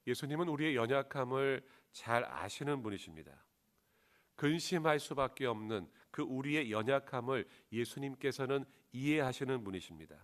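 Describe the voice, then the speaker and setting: A man preaching a sermon as a pastor, engaging the congregation with questions. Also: mid-range voice.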